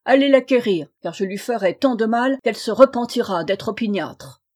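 A furious, cruel storybook king bellows his threats, as a woman reading the tale puts him on. His voice climbs high and loud with fury. His speech is harsh and bullying. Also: expressive, normal speed, husky.

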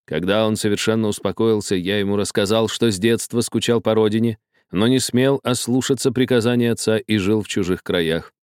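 A man narrating a story as an audiobook reader, in a measured, even way. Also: fairly low pitch, clear, resonant tone, no room sound, clean studio sound. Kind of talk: audiobook reading.

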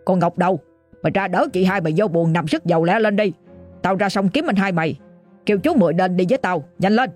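A woman's voice: on the low side, fast talker, darkish tone, faint music behind, close to an everyday voice. A woman voicing a stern, commanding aging father, giving curt orders. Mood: urgent.

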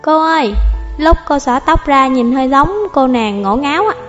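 A woman's voice: sits high, normal speed, lightly acted. A woman voicing a cheeky young male student who teases chattily, over faint music. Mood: teasing. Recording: slightly dull audio, faint music.

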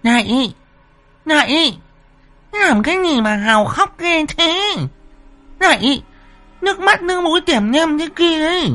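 A man doing a shrill nagging village wife. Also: expressive, unhurried, long pauses, bright, forceful tone, faint music behind, full character voice. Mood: scolding. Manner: shrill, scolding, high falsetto. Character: scolding peasant wife and mother, shrill and nagging.

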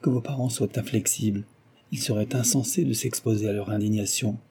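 A man voicing an anxious, scrupulous young woman in an audiobook, with a dark, husky voice. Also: lowish voice, fairly even intonation, brisk. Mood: earnest.

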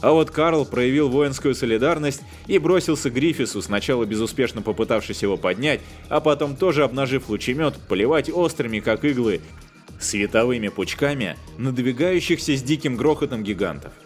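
A male narrator reads a comic space story with a wry, even storytelling voice. His pitch sits in the middle range. Quiet music plays underneath. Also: fairly quick. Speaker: audiobook narrator. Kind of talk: scripted narration.

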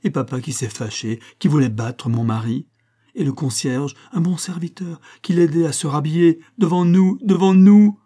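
A man's voice: mid-range voice, normal speed, dark tone, husky, lightly acted. A man voicing a gleeful young society wife, gossipy and full of amusement. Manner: gossipy, breathless with amusement when retelling.

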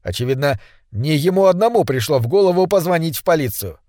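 A man narrating a story with an even, measured reading. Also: a little high, dry recording, studio quality.

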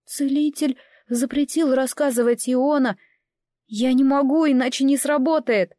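A frightened little boy speaks with a trembling, tearful earnestness, as a woman reading a storybook puts him on. His voice sits high above her usual tone. The sound is dry and close. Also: a little slow, mellow, dry recording. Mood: pleading.

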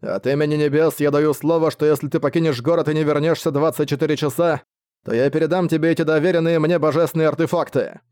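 A man voicing a solemn heavenly angel in an audiobook, speaking calm and formal. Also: on the high side, fast talker, clear, resonant tone, no echo, studio quality, natural voice.

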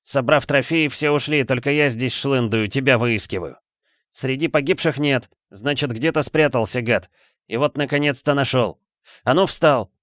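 A man's voice: mid-range voice, moderate pace, a bit bright, no echo, studio quality, natural voice. A man voicing an arrogant, cruel teenage boy bandit who speaks haughtily and threatens. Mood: menacing, haughty.

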